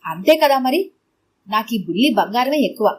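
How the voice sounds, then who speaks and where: Loving middle-aged mother, fussing, anxious, raised and breathy, as a woman reads her. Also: a little high, animated, moderate pace. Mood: fond. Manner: fond, anxious.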